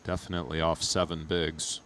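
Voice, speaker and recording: A man giving analytical poker commentary and casual chat in a measured, thoughtful way. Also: rumbling low, little pitch movement, a bit bright, slight background noise.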